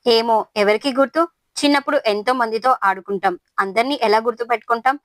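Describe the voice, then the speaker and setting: A woman's voice: on the high side, fast talker, a bit bright, dry recording, lightly acted. A woman voicing a proud, touchy young wife who speaks with resentment and indignation. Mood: dismissive.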